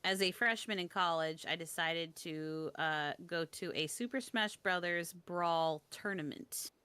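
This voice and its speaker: A young woman telling a story in casual chat, self-deprecating, with frequent quick restarts. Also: lowish voice, bright, forceful tone, smooth, no echo.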